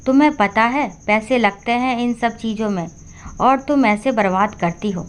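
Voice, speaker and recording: A woman's voice: on the high side, moderate pace, smooth, lightly acted. A woman voicing a tired, short-tempered grown son who speaks curtly in a storybook. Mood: angry. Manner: curt and irritated.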